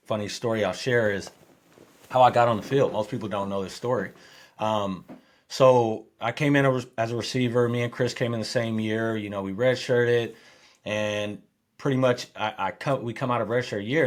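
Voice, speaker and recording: A middle-aged man, a former football player, telling a story as a podcast guest, growing lively and loud as he acts out the scenes. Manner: animated storyteller, gets louder and higher when excited. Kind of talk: storytelling in an interview.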